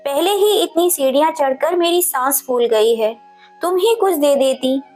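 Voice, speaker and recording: A woman voicing a gentle, trusting elderly widowed mother who talks in a soft, pleading tone. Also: high voice, lively intonation, measured pace, faint music behind.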